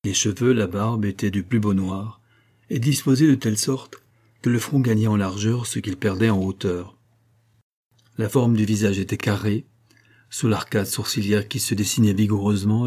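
A man narrating an audiobook of a classic novel in a measured, even storytelling manner. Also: fairly low pitch.

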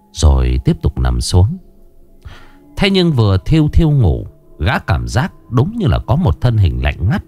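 Low-voiced animated ghost story narrator. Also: male voice.

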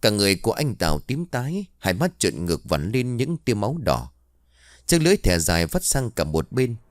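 Brief: male storyteller, low voice, lively delivery, dry close recording. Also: moderate pace, no echo. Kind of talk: storytelling narration.

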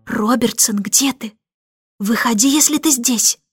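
A woman voicing a fussy, excitable older female housekeeper in a storybook reading, gushing and breathless. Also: high voice, measured pace, no echo, clean studio sound, soft background music, voice pushed up. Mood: flustered. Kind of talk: audiobook character reading.

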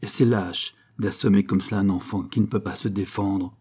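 Brave, scolding storybook young woman, near the reader's own low voice, read by a man. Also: steady tone, normal speed, mellow, breathy edge. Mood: indignant.

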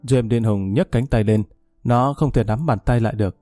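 Man, storyteller, mellow warm voice, dry close sound, faint music behind. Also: mid-range voice, moderate pace, no room sound. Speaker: narrator. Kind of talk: scripted story narration.

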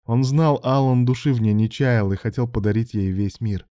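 A man reading a story as narrator in a steady, even storytelling manner. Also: mid-range voice, moderate pace, no room sound, clean studio sound. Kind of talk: audiobook narration.

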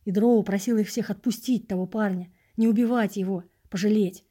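A quiet, pleading homeless man speaks low and soft, as a woman reads him for an audiobook. His voice stays mellow and dark, never rising above a murmur. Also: fairly even intonation, brisk, natural voice. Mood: hushed. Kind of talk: audiobook reading.

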